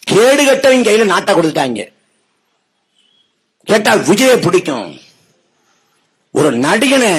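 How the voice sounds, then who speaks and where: A man giving a political speech, mocking and sarcastic, with rhetorical questions that build to shouts. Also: sits high, breathy edge, poor audio. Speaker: political speaker.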